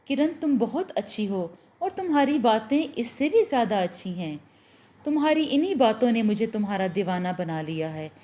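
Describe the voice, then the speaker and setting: An earnest young man, lovestruck and a little uneasy, speaks in a warm, somewhat lowered voice, read by a woman telling the story. There is still plenty of lift and fall in the delivery. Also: sing-song, moderate pace. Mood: affectionate.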